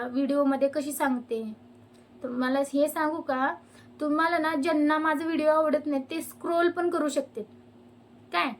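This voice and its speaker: Young woman, high voice, fed-up vlog rant. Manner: fed-up ranting. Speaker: vlogger. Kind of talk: complaining to camera.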